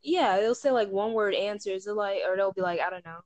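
A woman's voice: mid-range voice, fairly quick, a little mellow, dry recording, rough recording. A young woman in casual chat about starting a podcast, laughing often and filling her talk with "like". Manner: chatty, laughs often, lots of "like". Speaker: aspiring podcaster.

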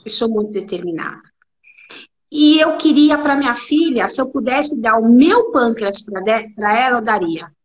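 A woman's voice: a little high, animated, moderate pace, muffled recording. A woman in her forties, a clinical nutritionist, telling her story in an interview and acting out the dialogue she quotes. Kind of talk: interview conversation.

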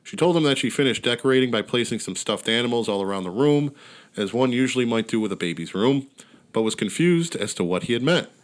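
A man's voice: medium pitch, expressive, fast talker. A man hosting a podcast, casually retelling a story in a wry, laid-back way with casual swearing. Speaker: podcast host. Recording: outdoor neighborhood ambience behind.

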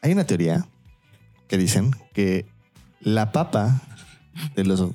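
A man's voice: lowish voice, sing-song, slow, dark tone, soft background music. A man with a Mexican accent hosting a casual chat, putting questions to the group in a slangy, playful way. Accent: Mexican Spanish.

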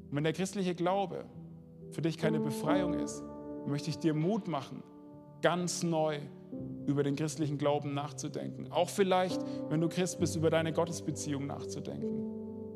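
A man's voice: on the high side, gravelly. A man preaching a sermon and putting direct, challenging questions to his listeners. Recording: long hall reverb, faint music.

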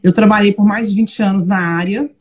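A woman's voice: medium pitch, fairly quick, breathy edge. A Brazilian woman in her fifties with a Brazilian Portuguese accent, chatting animatedly as a guest on a live talk. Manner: chatty, animated, laughs easily. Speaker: guest, low-carb advisor. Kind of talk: casual live chat.

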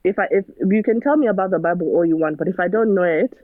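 A woman's fairly low voice moves at a quick pace in a dry, phone-quality recording. As a guest in a casual chat, she's earnest, drifts into preachiness and keeps throwing out rhetorical questions.

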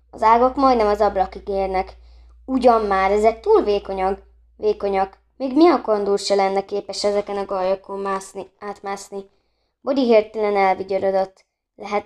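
A woman reading a children's book aloud, voicing the children a little higher and brighter, with occasional slips and restarts. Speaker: storybook reader.

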